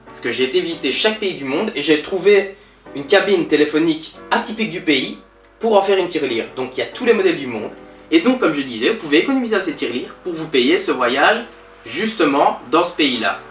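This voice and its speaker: A man's voice: a little high, brisk. A man playing a pompous, bragging billionaire in a comedy sketch interview. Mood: boastful. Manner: bragging, self-satisfied, lively storytelling. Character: boastful, pompous male billionaire entrepreneur. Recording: roomy, distant mic, faint music.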